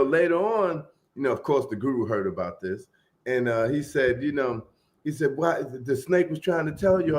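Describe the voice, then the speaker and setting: A man telling stories in a casual group chat, animated and acting out the people in them. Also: a little high. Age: 20s. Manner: animated storyteller, acts out voices and quotes.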